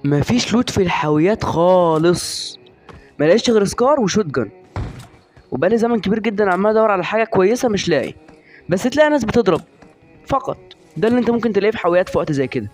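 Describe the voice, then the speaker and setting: A man's voice: high voice, lively intonation, rapid-fire, darkish tone, soft background music. A young man with an Egyptian Arabic accent commentating his own shooter game live, chatty and teasing his opponents.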